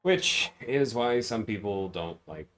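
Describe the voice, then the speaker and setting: Hosting a casual gaming livestream, a man with a very low voice rambles slowly over music, thinking out loud and talking to viewers as he plays. His intonation stays lively throughout.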